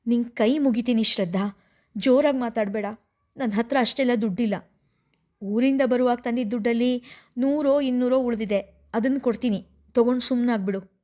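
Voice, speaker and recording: A woman voicing a meek middle-aged mother who speaks haltingly and pleads. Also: on the high side, dark tone, natural voice. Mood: pleading.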